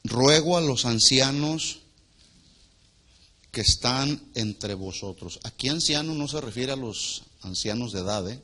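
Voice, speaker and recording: A man preaching a sermon to a congregation as their pastor. He asks the people questions, waits for their answers, and swings between loud emphatic lines and quiet asides. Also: mid-range voice, animated, unhurried. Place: church hall before a congregation.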